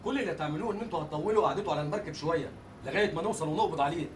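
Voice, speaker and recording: An actor with an Egyptian accent playing a bossy police officer who gives brisk orders. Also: male voice, fairly high pitch, far from the mic, a little hiss or hum, natural voice. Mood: stern. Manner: brisk, commanding.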